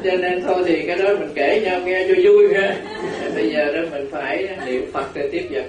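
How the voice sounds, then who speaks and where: A man's voice: high-pitched, moderate pace. A man gives a humorous Buddhist dharma talk, telling folksy stories and teasing his audience. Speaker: Buddhist monk. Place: large hall with an audience. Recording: echoey hall, crowd laughter, distant mic.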